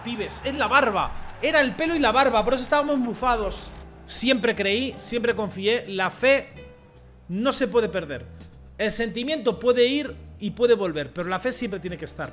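High-voiced man ranting over gameplay. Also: animated, moderate pace, soft background music. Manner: rants, pleads and shouts at the game, swings from mutters to yells. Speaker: gaming streamer. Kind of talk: excited gameplay commentary.

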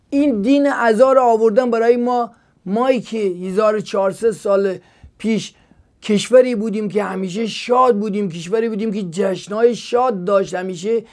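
High-voiced man preaching with passion. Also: darkish tone. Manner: impassioned, with rhetorical questions to viewers. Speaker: pastor. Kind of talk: preaching on a call-in TV show.

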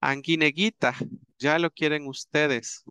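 A man teaching a grammar lesson, patient and repetitive, with many pauses and fillers as he works through examples. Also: fairly high pitch, steady tone, bright, forceful tone, smooth, no room sound. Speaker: language teacher.

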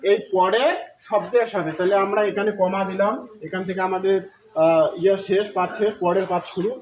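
A man with a Bengali accent teaching Sanskrit pronunciation, asking questions and answering them himself, then chanting verses slowly in a long, drawn-out melody. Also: high voice, steady tone, a little mellow, echoey room, rough recording. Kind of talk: recorded Gita recitation lesson.

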